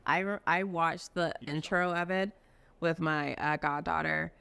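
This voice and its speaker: A woman's voice: deep voice, steady tone, measured pace, vocal fry, a bit bright, clean tone. A woman hosting a casual podcast chat, chatty and asking her guest questions.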